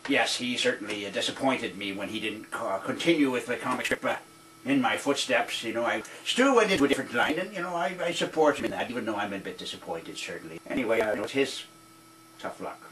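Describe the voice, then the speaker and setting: A man playing an awkward, rambling veteran newspaper cartoonist, halting and correcting himself in a mock newsreel interview. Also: mid-range voice, animated, a bit bright, close to an everyday voice. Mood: wistful, halting. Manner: halting, doddering, self-correcting. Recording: distant, faintly noisy interview recording.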